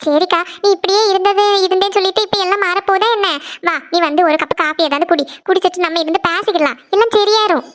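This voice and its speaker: Cartoon role: supportive younger sister, voiced by a performer, shrill and fast-talking, gently persistent. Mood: coaxing. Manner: coaxing, reassuring, rapid questions. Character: caring younger sister comforting her elder sister. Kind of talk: Tamil cartoon series dialogue.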